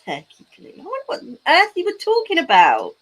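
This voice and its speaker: A woman crafts on a casual livestream, her extremely high, somewhat bright voice swinging hugely in pitch as she talks briskly. She reads chat messages aloud and teases her viewers with playful asides.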